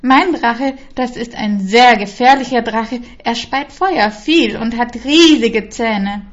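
A haughty storybook princess, put on by a woman reading aloud, scoffing at her suitor in a cool, disdainful tone. Her voice sits high and jumps up sharply when she sneers. The recording sounds dull and lo-fi. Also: takes it slowly. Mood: imperious. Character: haughty, hard-to-win modern princess, young woman.

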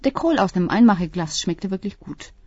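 A woman reading a literary story aloud in a calm, even storytelling voice. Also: mid-range voice, normal speed, slightly rough, dry recording. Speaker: audiobook reader. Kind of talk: scripted literary narration. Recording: dull, dry close-mic sound.

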